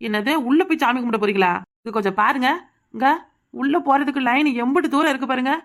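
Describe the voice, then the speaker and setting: A woman voicing a sharp-tongued young village woman in a cartoon comedy, sarcastic and irreverent, with a Kanyakumari Tamil accent. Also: high voice, fast. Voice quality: sarcastic, mouthy.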